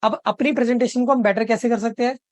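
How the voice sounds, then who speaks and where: A man tutoring online, walking his students through the material step by step. He reads example sentences out slowly and keeps checking in with short tag questions. His voice is close and dry, with no room sound. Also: very high-pitched, steady tone, a little mellow, no room sound. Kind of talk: explanatory lesson mixing Hindi and English.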